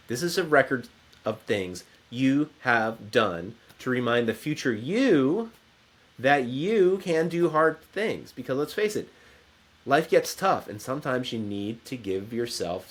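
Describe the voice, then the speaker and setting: A man's voice: mid-range voice, a bit bright. A man in his forties giving an earnest, encouraging motivational talk to camera from his home office. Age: 40s. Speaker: motivational speaker.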